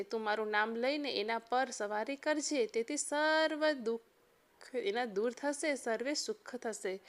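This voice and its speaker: High-voiced woman telling a devotional tale. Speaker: storyteller. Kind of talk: scripted devotional narration.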